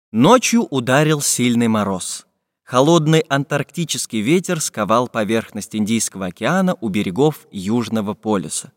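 A man narrating a children's fairy-tale audiobook in a lively, expressive storytelling manner. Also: mid-range voice. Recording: dry studio voice with long reverb.

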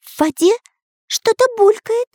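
A woman voicing a small, excitable magic-pencil boy with an eager, breathless manner. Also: very high voice, unhurried, no room sound, clean studio sound, voice pushed up. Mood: anxious eager. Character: excitable high-pitched little pencil-boy wizard.

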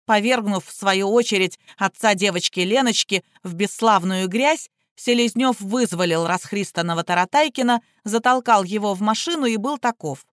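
A woman reading a novel aloud as audiobook narrator, in an even, expressive manner. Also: mid-range voice, moderate pace, few pauses, no echo, studio quality.

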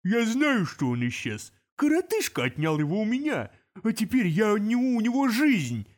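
A man reading an audiobook, voicing a raging male demon chieftain who bellows in slow, drawn-out snarls. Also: sits high, huge pitch swings, pitched above the performer's own voice. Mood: furious.

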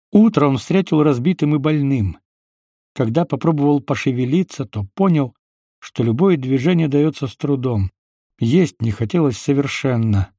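A man narrating an audiobook in a measured, unhurried manner. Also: medium pitch, dark tone, no room sound, studio quality. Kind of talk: scripted narration.

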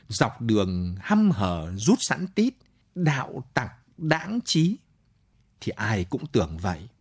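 A man's voice: medium pitch, breathy edge. A man narrating a late-night radio story and voicing its characters. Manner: slow, lively storytelling with voiced dialogue.

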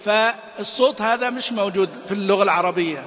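A man teaching a tajweed lesson. He chants sample words, corrects them with quick asides and quizzes his listeners with short questions. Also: high-pitched. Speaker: Quran recitation teacher. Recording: roomy reverb, dull lo-fi sound.

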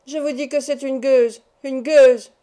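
A woman voicing a spiteful old female nurse who scolds in a shrill, railing voice. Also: steady tone, moderate pace, mellow, natural voice. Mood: furious.

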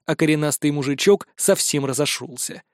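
A man narrating an audiobook in a steady storytelling manner. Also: a little high, moderate pace, dry recording, studio quality.

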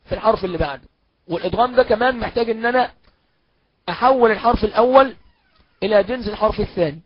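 A man with an Egyptian accent teaching a recorded Quran recitation lesson, explaining step by step, asking and answering his own questions and chanting the examples slowly. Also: high voice, slightly rough, no room sound, lo-fi sound. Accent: Egyptian Arabic.

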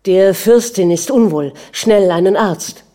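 A woman's voice: a little high, lively intonation, measured pace, pitched above the performer's own voice. A woman voicing a raging jealous old prince. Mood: frantic. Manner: shouting, choking with rage. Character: enraged older prince, jealous, with crutch. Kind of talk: audiobook reading.

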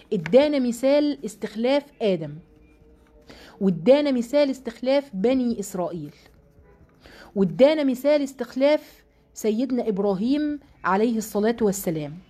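A woman's voice: on the high side, dark tone. Earnest Egyptian woman teaching Quran. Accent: Egyptian Arabic. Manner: earnest, emphatic, repeats key words slowly. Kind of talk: religious lesson to women.

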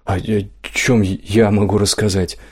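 An anxious, earnest young innkeeper woman from a fantasy audiobook, soft and pleading, as a male reader puts her on. Her voice stays gentle and a little hushed, set low for a woman. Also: little pitch movement, unhurried, slightly rough. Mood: startled.

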